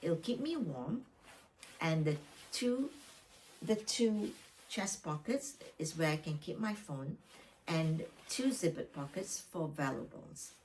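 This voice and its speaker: A solo travel vlogger from Malaysia walks through her packing step by step in a casual, plain way. She has a deep, expressive, darkish voice and speaks slowly, captured on a distant mic with slight background noise.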